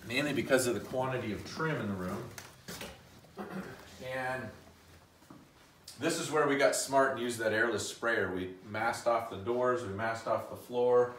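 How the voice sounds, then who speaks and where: A middle-aged man with a Pacific Northwest American accent gives a casual guided tour through a museum's restored rooms, walking and explaining with frequent filler pauses. His voice is medium-pitched and a bit bright, caught by a handheld phone camera that follows him, often several steps behind, so he sounds far and off mic. The large, empty indoor rooms with bare walls give a roomy echo and slight background noise.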